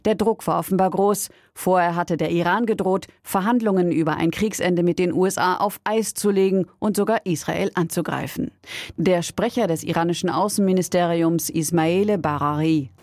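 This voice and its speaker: A woman delivers a scripted news report, her reading steady and formal. Her voice is on the lower side. The recording is close and dry. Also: moderate pace, dry recording.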